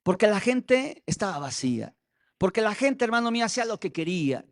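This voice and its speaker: A Mexican pastor preaches in a notably high voice, swinging between loud, pressing phrases and quiet, low asides. He tells stories and keeps calling his listeners "brother.". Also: sing-song, fairly quick. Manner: storytelling, repeatedly addressing listeners as brother. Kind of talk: sermon.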